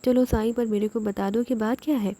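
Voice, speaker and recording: A woman's voice: on the high side, fairly even intonation, mellow, natural voice. A woman voicing a poor male servant who asks anxiously what is happening. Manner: anxious, pleading.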